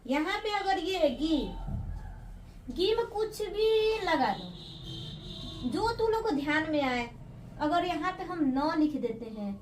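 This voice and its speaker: A woman with a very high voice teaches young children to read, patiently repeating each syllable and stretching it out. She sounds like she's in a bare, echoing room. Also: a little hiss or hum. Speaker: primary school teacher. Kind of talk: slow spelled-out Hindi phonics lesson.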